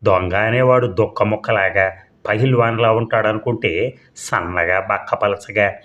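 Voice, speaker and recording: Man, storyteller, low voice, measured, expressive, audiobook narration. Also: highs cut off.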